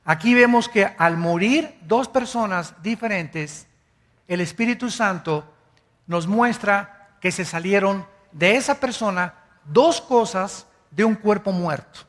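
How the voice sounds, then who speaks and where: A man's voice: high voice, expressive, slow, a bit bright, big-room sound. A man preaching a sermon as pastor, teaching like a teacher, spelling out words letter by letter and asking his listeners questions. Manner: asks the congregation questions.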